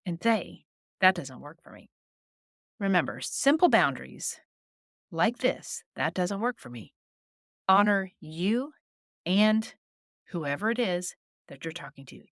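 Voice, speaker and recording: A woman hosting a faith-based advice podcast, talking in a calm, earnest, encouraging way with small laughs, recorded close on a mic. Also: mid-range voice, no echo. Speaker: podcast host.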